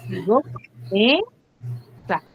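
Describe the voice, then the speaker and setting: A woman with a medium-pitched, expressive voice speaks very slowly while teaching an online class, quizzing her pupils and stretching out syllables for emphasis. She is heard through a computer mic on a video call, with slightly muffled audio and a little hiss or hum.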